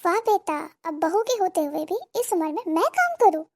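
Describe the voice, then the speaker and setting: A woman's voice: extremely high pitch, animated, moderate pace, a little mellow. A woman voicing a scolding, sarcastic mother-in-law in a cartoon comedy. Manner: nagging, sarcastic, theatrical complaining. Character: scolding middle-aged Indian mother-in-law.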